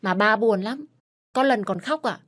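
A woman's voice: mid-range voice, unhurried, pitched above the performer's own voice, close to an everyday voice. A woman voicing a young boy who pleads through tears, in a storybook reading with faint music behind. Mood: pleading.

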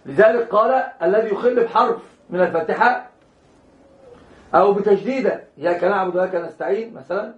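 A man's voice: high voice, fast talker. A man teaching Islamic law in a classroom lecture, repeating and restarting words and speaking straight to his students. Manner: addresses students directly, chuckles now and then. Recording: roomy, dull lo-fi lecture recording.

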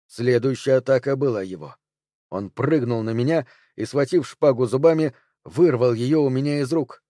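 A man narrating a fantasy audiobook in a measured storytelling manner. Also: mid-range voice, mellow, dry recording, studio quality. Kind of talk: scripted narration.

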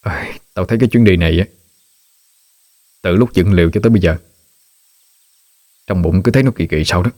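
A man voicing a young honey hunter who speaks low and hesitantly, sounding worried. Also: fairly quick, long pauses, a little mellow. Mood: uneasy. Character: young male honey hunter, uneasy and serious.

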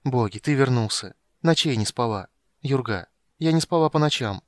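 A fussing, urgent wife of a merchant, voiced by a male narrator in an audiobook. Her lines run slightly higher than the narration, and the sound is dry and close. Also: lively intonation, normal speed, dry recording, natural voice. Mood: anxious urgent. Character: merchant's wife, anxious and tender.

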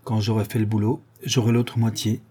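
A man's voice: on the low side, level tone, fairly quick, warm tone, breathy edge. A man voicing a shifty male hired killer who speaks coldly and threateningly. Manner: cold, threatening.

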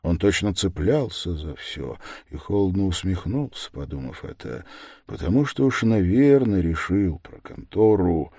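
A man reading an audiobook narration in a measured way, dropping low and quiet on reflective lines. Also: very animated, breathy edge, dry recording, studio quality. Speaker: audiobook reader. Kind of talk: scripted narration.

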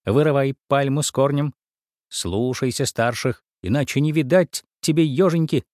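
A man voicing a bossy, chatty big female mouse in a storybook reading, with a squeaky voice. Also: normal speed, darkish tone, dry recording, clean studio sound, natural voice. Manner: bossy, fussy.

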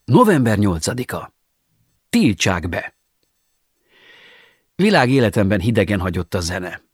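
A man narrates short stories for an audiobook in a measured, ironic tone. His voice is low, and the recording is close and dry with no room sound. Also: sing-song, slightly rough, no room sound. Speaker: audiobook reader. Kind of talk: scripted narration.

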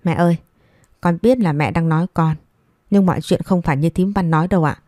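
A patient young widow, polite and soft-spoken, pleading respectfully with her elders, as a woman storyteller voices her. The tone is low and mellow. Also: brisk, dry recording, studio quality, close to an everyday voice.

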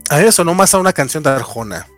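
A man's voice: a little high, very animated, rapid-fire, a bit bright, faint music behind. Mexican man rambling about comics. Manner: rambling with many fillers. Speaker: comic book reviewer. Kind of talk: casual livestream chat. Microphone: remote call with lag.

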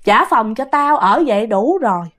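Woman voicing a male ghost, rumbling, threatening, repetitive, ghost story. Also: lively intonation, moderate pace, a bit bright. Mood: menacing. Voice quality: rumbling deep voice. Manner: threatening, repeats himself. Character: angry ghost man demanding his room back.

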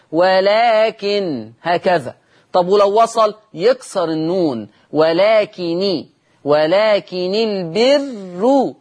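His voice sits high, and his accent is Egyptian Arabic as he leads a televised Quran recitation lesson. He poses questions, supplies the answers himself, and chants the sample words at a slow, lingering pace.

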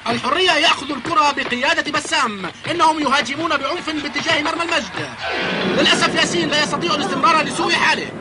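A cartoon football commentator with a very high, fast delivery. He calls the play urgently and suspensefully, piling up dramatic questions over loud music. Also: a loud crowd. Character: excited male football match commentator.

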